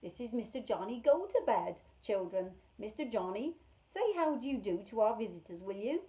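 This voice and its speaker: A woman's voice: a little high, lively intonation, moderate pace, mellow, lightly acted. A woman doing a soothing, motherly farm cook. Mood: kindly. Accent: throaty non-Welsh. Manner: soothing, kindly. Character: warm, motherly farmhouse woman.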